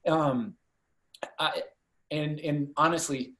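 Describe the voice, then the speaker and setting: A man's voice: fairly high pitch, slow pace, fairly bright tone, echoey room, low-quality recording. A man running for Congress from Iowa, answering voter questions on a video call, talking with many fillers and restarts. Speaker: congressional candidate.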